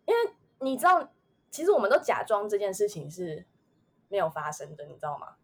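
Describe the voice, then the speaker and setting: A young woman with a Taiwanese Mandarin accent recounts a personal memory on a chatty podcast. She talks in loose, rambling runs full of fillers and trailing asides, in a mid-pitched voice. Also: very animated, fairly quick. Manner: rambling, many fillers, emotional recollection. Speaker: podcast co-host. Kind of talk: casual chat, personal storytelling.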